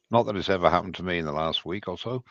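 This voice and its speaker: A man's voice: sits low, brisk, no echo, muffled recording. A man co-hosting a woodturning call, giving directions with a chuckle and repeating himself. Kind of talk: casual live-stream chat.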